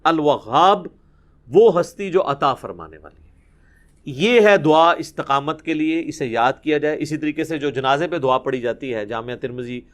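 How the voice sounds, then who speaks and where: A man giving a Quran commentary lesson, explaining emphatically and reciting Arabic verses between his explanations. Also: a little high. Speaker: Quran teacher.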